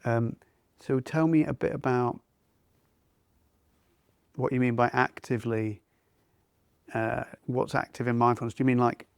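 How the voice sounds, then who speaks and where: A man who teaches mindfulness, talking it through in a relaxed conversation and feeling his way toward each idea. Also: mid-range voice, unhurried, gravelly, long pauses, clean tone, no echo. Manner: thoughtful, searching for words. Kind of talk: conversational discussion.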